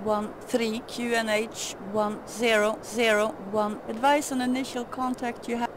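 A woman's voice on an automated airport weather broadcast, reading coded weather figures in a steady, even way. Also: a little high, measured pace, background noise. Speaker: recorded weather information announcer.

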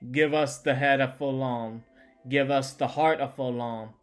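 Guy reading as furious starving women screaming for revenge, slow and halting. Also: mid-range voice, steady tone, close to an everyday voice. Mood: vengeful. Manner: halting, repeating words.

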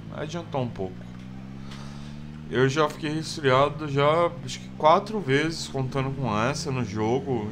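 A gameplay video host with a Brazilian Portuguese accent rambles casually through his survival game, filling his let's play commentary with fillers. His voice is medium-pitched, and the background is noisy.

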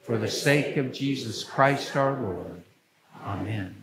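An older man speaking as a pastor, reading liturgy to a congregation in a church with measured, solemn phrasing. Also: mid-range voice, lively intonation, crowd noise, low-quality recording. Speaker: pastor leading worship.

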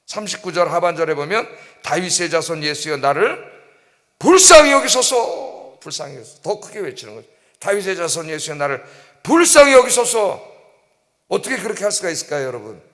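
A middle-aged man preaches an early-morning sermon with a fairly high voice. His delivery is emphatic, with frequent prompts to the congregation. The sanctuary gives his voice a long, ringing reverb. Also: fairly bright tone. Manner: emphatic, keeps prompting the congregation, acts out quoted cries. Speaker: pastor. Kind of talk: dawn service sermon. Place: church sanctuary.

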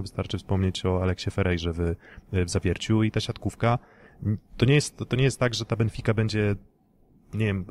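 A man hosting a sports podcast, talking in a measured, analytical way and passing questions to his co-hosts. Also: fairly low pitch, a little mellow. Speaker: podcast host. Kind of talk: casual sports podcast discussion.

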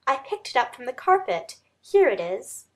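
High-pitched dutiful housekeeper, acted by a woman. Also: big pitch swings, moderate pace. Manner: respectful, earnest. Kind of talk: dramatic audiobook reading.

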